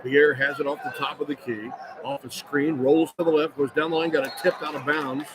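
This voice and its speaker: Courtside in an indoor sports arena, a man gives live basketball play-by-play on the radio, describing the action in clipped, running phrases. His voice is on the high side, level and brisk, with loud arena noise behind him.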